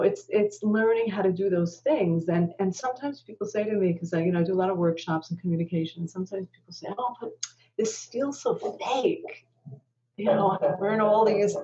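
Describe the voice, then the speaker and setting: A woman marriage therapist in an interview, explaining ideas and telling stories that she acts out with quoted voices. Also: lowish voice. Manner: animated storyteller, acts out quoted speech. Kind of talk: conversational interview. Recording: muffled lo-fi sound.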